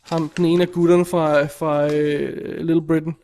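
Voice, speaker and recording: High-voiced exasperated man reviewing a film. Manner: animated, exasperated. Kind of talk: casual film review chat.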